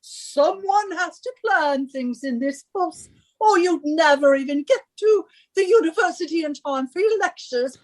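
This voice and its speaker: Heard on a rough recording, a woman with a very high, expressive voice speaks a little slowly as a nagging, scornful British professor's wife in a suspense radio play. She is imperious and scolding, her mood bossy and impatient.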